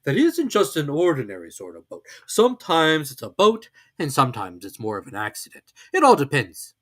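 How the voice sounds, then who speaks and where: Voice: mid-range voice, huge pitch swings, fairly quick, fairly bright tone, pitched above the performer's own voice. A narrator as growly, earnest little Winnie-the-Pooh. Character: small, simple, earnest, proud toy bear.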